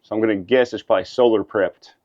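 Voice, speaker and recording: A woman's voice: extremely low pitch, steady tone, fast talker, a little mellow. A woman co-hosting a casual walk-through inside a camper trailer, with a laid-back, dry-humored way of talking. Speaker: vlog co-host giving an RV tour. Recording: slightly dull camera audio.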